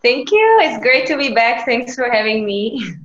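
A woman in her thirties from Slovakia, speaking English as a podcast guest, lively and chatty with many casual fillers. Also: on the high side, unhurried. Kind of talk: casual interview chat. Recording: echoey, dull lo-fi remote recording.

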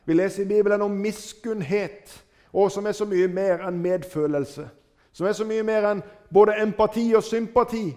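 A man preaching a sermon, retelling stories with dramatic rises and falls in his voice. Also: steady tone. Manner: dramatic retelling with wide swings in pitch and loudness.

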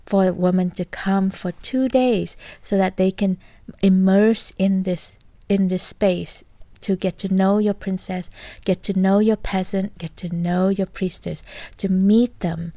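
Warm gravelly woman coaching earnestly. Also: mid-range voice, no room sound. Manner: drops to a whisper for inner thoughts. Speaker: guest coach.

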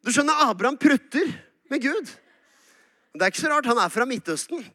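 Bright, high-voiced Eastern Norwegian pastor. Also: male voice. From Norway, Oslo area. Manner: humorous, storytelling, animated. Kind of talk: sermon.

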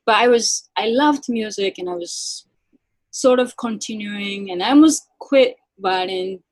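A Japanese-born woman violinist with a Japanese accent, a native Japanese speaker, chatting in an interview with a soft, halting delivery full of fillers. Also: a little high, animated, no echo, poor audio. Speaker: guest violinist. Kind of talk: casual interview chat.

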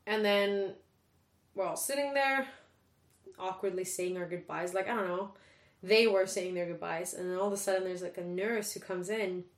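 Recorded in an echoey room, this casual conversation features a young woman from Sweden appearing as a podcast guest. She speaks openly, cursing freely and laughing as she goes, in a medium-pitched voice at normal speed.

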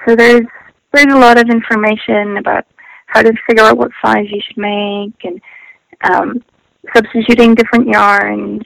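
A woman's voice: a little high, little pitch movement, moderate pace, creaky, a bit bright, no room sound. A woman guest heard over an internet phone call, talking casually and hesitantly with many ums and restarts. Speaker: guest knitwear designer.

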